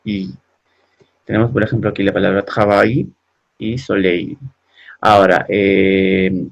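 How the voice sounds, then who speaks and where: A low-voiced man walks Spanish speakers through French pronunciation, slowly repeating words with patience. He often checks that learners are following, tagging "¿no?" and "¿bien?" onto his sentences.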